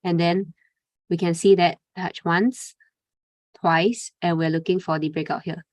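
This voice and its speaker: Woman, lowish voice, trading webinar instructor, casual with filler words, dry close mic. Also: steady tone, a little slow, dry recording. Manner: conversational, frequent "okay" and "right?" tags, fillers. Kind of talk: live webinar presentation.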